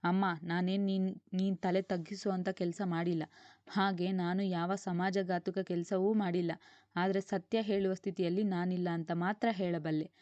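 Lady doing a calm stubborn young guy, firm, kinda flat. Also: fairly low pitch, normal speed, dry recording, highs cut off, close to an everyday voice. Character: young man, calm, resolute law student son.

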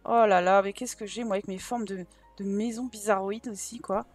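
A woman's voice: mid-range voice, steady tone, moderate pace. A woman doing frantic, self-mocking commentary while racing through a timed home-building game challenge. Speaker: gaming YouTuber. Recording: faint game music behind.

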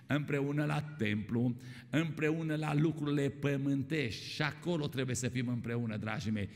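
In a church hall with long reverb, a mid-range, gravelly, darkish male voice preaches. He addresses the congregation as "my dear ones" repeatedly and asks them questions.

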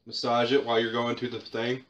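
A young man with a medium-pitched voice hosts a spoof cooking tutorial from his home kitchen, talking fairly quickly in a deadpan, mock-instructional style full of dry jokes. The audio sounds dull.

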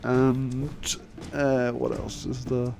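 This young let's player talks very slowly in a creaky, slightly mellow, medium-pitched voice with little pitch movement. Tired from talking so long, he rambles and swears at his own expense, voicing over game video while end-credits music plays.

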